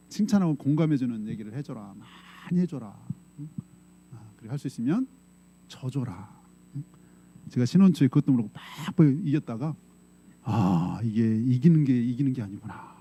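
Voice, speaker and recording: Lively-voiced male pastor preaching conversationally. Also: mid-range voice, breathy edge. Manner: conversational, often asks the congregation "예?" and "음?"; acts out quoted voices in short dramatic bursts. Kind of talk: sermon. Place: church sanctuary.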